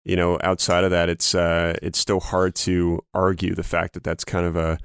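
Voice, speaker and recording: A man's voice: sits low, completely flat delivery, normal speed, clear, resonant tone, no room sound, studio quality. A man in his thirties co-hosting a gaming podcast, chatting casually and laughing easily. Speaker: podcast co-host. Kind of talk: casual chat.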